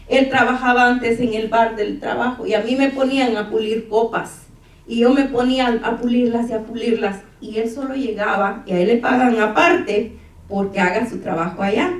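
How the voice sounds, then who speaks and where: A middle-aged woman, telling a story in a church testimony sermon and acting out the dialogue. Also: fairly high pitch. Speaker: church speaker. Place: church hall. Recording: echoey church room, from far off.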